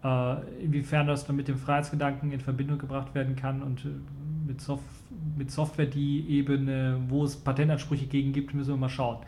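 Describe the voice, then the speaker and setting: A man's voice: medium pitch, little pitch movement, fairly quick, few pauses, warm tone, a little hiss or hum. A man hosting a casual tech news podcast, chatting loosely with lots of filler sounds and talking straight to his listeners. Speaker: podcast host.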